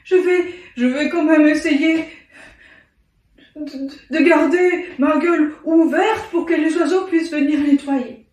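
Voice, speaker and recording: A woman's voice: high-pitched, steady tone, slow, darkish tone. A woman voicing a sleepy, self-pitying male crocodile in a children's tale for toddlers, groaning and complaining hesitantly. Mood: drowsy, miserable. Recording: echoey room, distant from mic.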